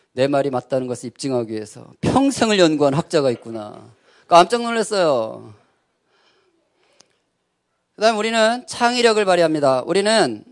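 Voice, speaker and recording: A man giving a sermon-style talk to an audience, conversational and animated, who keeps asking his listeners questions and answering them himself. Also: a little high.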